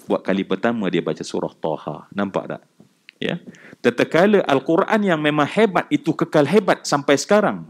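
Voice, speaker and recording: A man's voice: mid-range voice, very animated, moderate pace. A man with a Malaysian Malay accent giving a religious lecture, telling a story dramatically and acting out quotes. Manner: dramatic storyteller, voices quotes and chants Arabic verses. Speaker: preacher.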